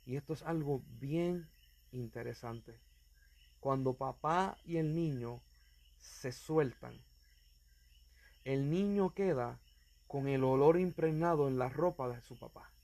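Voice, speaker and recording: A man's voice: mid-range voice, takes it slowly, pauses often, dark tone. Earnest man preaching a sermon. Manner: earnest, fervent, addresses listener directly. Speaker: evangelist preacher.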